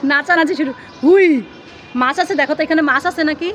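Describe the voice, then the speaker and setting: A woman's voice: sits high, brisk, a bit bright, slight background noise. A mother vlogging at home, playfully coaxing her children and talking to viewers. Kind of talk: casual family vlog talk with children.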